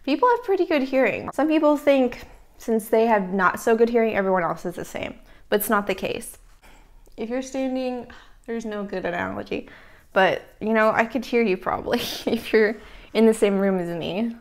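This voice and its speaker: A woman's voice: on the high side, animated, normal speed. A woman hosting an eating show, telling stories in casual chat and chewing while talking, with savoring hums between phrases. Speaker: mukbang host.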